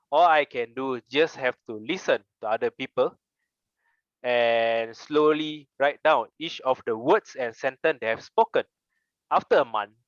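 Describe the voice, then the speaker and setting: A young man with a Malaysian English accent and a mid-range voice delivers an earnest prepared speech as a club member, weaving in personal stories and rhetorical questions. The recording is dry, with the highs cut off.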